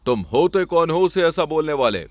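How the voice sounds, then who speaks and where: A man voicing a bossy male lion king who talks quickly and forcefully. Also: on the high side, lively intonation, no echo, pitched above the performer's own voice, natural voice. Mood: angry.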